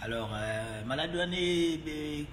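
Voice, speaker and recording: Congolese man, casual rambling monologue, high-ish voice, long echoey reverb, switching French and Lingala. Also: lively intonation, slow, background noise. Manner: rambling, mixing French and Lingala, many fillers and repeats. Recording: roomy echo, long reverb, faint ambience.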